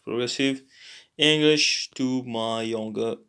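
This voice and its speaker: Slow, gravelly male language teacher. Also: mid-range voice, heavy background noise. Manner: halting, many fillers and repeats. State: tired, yawning. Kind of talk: casual language lesson.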